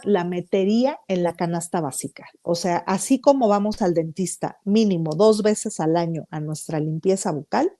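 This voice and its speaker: Mellow-voiced Mexican woman, upbeat psychologist. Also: medium pitch. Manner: upbeat, emphatic, explains point by point. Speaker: psychologist guest. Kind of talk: podcast interview.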